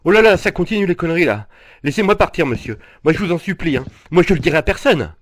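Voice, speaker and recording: A man's voice: fairly high pitch, lively intonation, fast, no room sound. An actor playing a confused teenager stuck in a grown man's life, baffled and exasperated.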